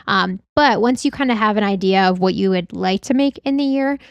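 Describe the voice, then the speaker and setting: A woman's voice: medium pitch, brisk, clear, resonant tone, dry recording. A woman co-hosting a podcast, giving practical advice from her own experience in a casual, conversational style.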